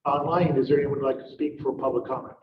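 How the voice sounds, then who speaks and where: Male board chair, halting agenda reader, distant in a roomy, muffled, noisy meeting recording. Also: medium pitch, level tone. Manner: halting, many "uh" fillers. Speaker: school board president. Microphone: room mic on a video call. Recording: far-off mic, echoey room, dull noisy sound.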